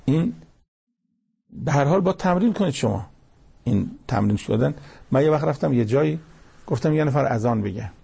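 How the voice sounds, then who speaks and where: A man's voice: mid-range voice, expressive, creaky, long pauses, dark tone, slightly rough. A male preacher giving a colloquial sermon that explains scripture, telling anecdotes and breaking into emphatic exhortations.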